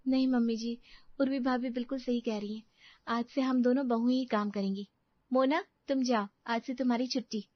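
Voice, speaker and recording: A woman's voice: fairly high pitch, steady tone, normal speed, dry recording, pitched above the performer's own voice, lightly acted. A woman voicing a demanding young wife who whines and complains, in a dull, dry recording. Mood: sweet. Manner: whiny, complaining.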